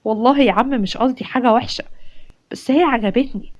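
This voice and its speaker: A woman's voice: on the high side, quick pace, muffled recording, close to an everyday voice. A woman with an Egyptian Arabic accent voicing an easygoing, earnest young man who is smitten.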